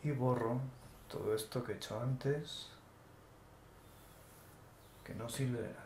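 A man calmly talking through each step as he draws, narrating an animation tutorial. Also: medium pitch, slow, vocal fry. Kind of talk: screen-recorded drawing tutorial. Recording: echoey room with faint noise.

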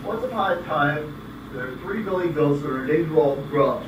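A hissy, roomy home recording of a man telling fairy tales. His voice is slightly high, and he narrates haltingly, repeating words like an amateur storyteller. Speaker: puppeteer storyteller. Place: indoor room, puppets behind a couch. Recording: echoey room, distant mic, steady hiss.

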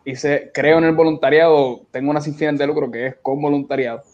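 A young Puerto Rican man, a beach cleanup organizer, chats informally and colloquially as a guest in a casual interview over a video call from an indoor room. His voice is a little high, fairly even and a little mellow, and he speaks briskly. The call audio is dull and lo-fi.

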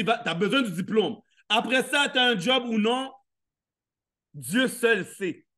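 A man's voice: sits high, bright, forceful tone. A man giving a live motivational talk, playful and interactive, firing questions at the audience and acting out little scenes. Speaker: motivational speaker. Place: live event stage.

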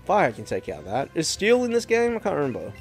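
A man hosting his own gaming channel, chatting casually over gameplay with lots of swearing. His voice is lively and leaps up in pitch when something happens. Faint music plays under him. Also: a little fast. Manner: profane, excitable, swings to loud outbursts. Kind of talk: casual let's play commentary.

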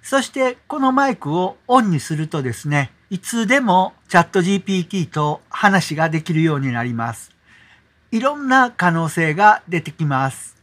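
A middle-aged man with a Kansai accent, relaxed and explanatory, walking viewers through an app as a tutorial host. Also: high voice, normal speed. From Kansai, Japan.

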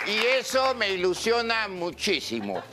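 An actor playing a silly cooking show host with a clownish voice and a Peruvian Spanish accent, announcing like a drawn-out showman. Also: high voice, huge pitch swings, over a noisy crowd, heavy background noise, heavily acted. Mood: showy, jovial. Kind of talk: parody game show presenting. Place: TV studio kitchen set. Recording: loud music behind the voice.

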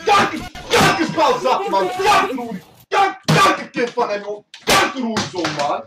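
A young man live-streaming a game, who bursts into shouted, raging streams of swearing. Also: very high voice, sing-song, normal speed. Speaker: livestreamer. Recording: distant mic with noisy background.

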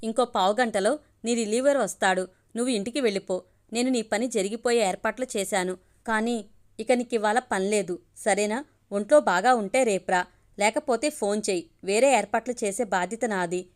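Gentle caring young man, read by a woman. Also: mid-range voice, normal speed, natural voice. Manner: gentle, reassuring. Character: kind, caring young male colleague. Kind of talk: audiobook character reading.

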